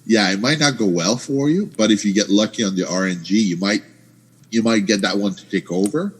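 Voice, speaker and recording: Male podcast host, low husky voice, enthusiastic rambling explainer on a headset. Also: a little fast, low-quality recording. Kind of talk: casual gaming chat. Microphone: headset microphone.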